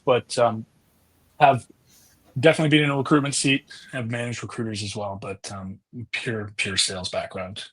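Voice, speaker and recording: A man's voice: fairly low pitch, a bit bright, breathy edge, low-quality recording. A man speaking as a guest on a panel, hesitant and often repeating words as he talks. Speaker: staffing director, panel guest. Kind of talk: casual panel discussion.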